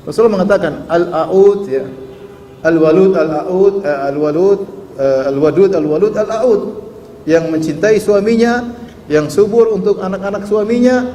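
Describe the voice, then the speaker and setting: A man's voice: high voice, dark tone, slight background noise. A man preaching a sermon to a live audience, teasing them with questions and quoting Arabic with a chanting lilt. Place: large hall. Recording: echoey hall with faint ambience.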